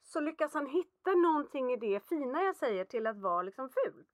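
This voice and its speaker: Chatty mom, high bright voice, swoops around a lot, dry close mic. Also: female voice, dry recording. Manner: animated storytelling, acts out quotes. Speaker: mother. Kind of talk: casual chat.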